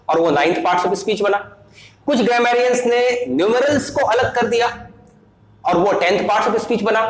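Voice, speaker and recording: Male teacher, grammar lesson, high lively voice, echoey room. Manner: explains step by step, repeats key points. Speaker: English teacher.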